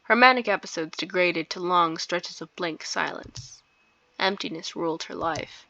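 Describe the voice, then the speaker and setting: Game music plays behind a woman hosting a let's play, recorded on a dull lo-fi mic with no room sound. She speaks a little slowly in a lowish voice with vocal fry and a sharp tone. Giggly and chatty, she comments on the game, throws in informal asides, and reads parts of it aloud.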